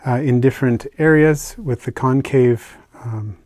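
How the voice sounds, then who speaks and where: An older man casually narrating a hobby vlog as he unpacks and shows his isopod purchases, talking in a relaxed, chatty way with fillers and soft asides. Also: medium pitch, measured pace, no room sound, clean studio sound. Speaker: isopod keeper unboxing purchases. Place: indoors at a table, hands on camera.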